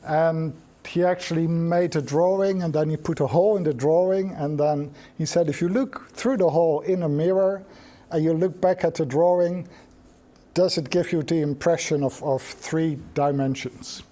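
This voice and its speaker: A middle-aged man giving a reflective seminar talk, thinking aloud with frequent restarts and pauses. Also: a little high, steady tone, dark tone. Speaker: lecturer.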